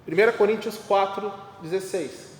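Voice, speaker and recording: A Brazilian man with a notably high voice teaches a Sunday school Bible lesson. He leans hard on his points, repeats the key lines and keeps asking rhetorical questions. His voice rings around a roomy hall with a long, trailing reverb. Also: normal speed. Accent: Brazilian Portuguese. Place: church classroom or hall.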